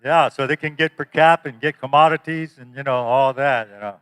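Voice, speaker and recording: A man's voice: mid-range voice, steady tone, fairly quick, fairly bright tone, smooth. A man telling folksy, joking anecdotes to a powwow gathering over a PA with long reverb. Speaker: powwow speaker.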